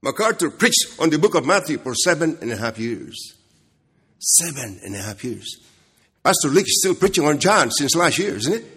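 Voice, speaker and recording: A man preaches an expository sermon in an echoey hall with long reverb, leaning on emphatic repetition and frequent short rhetorical questions. His voice is a little high, fairly bright and breathy, with big pitch swings at a moderate pace. His accent is non-standard, which he jokingly calls Kentucky.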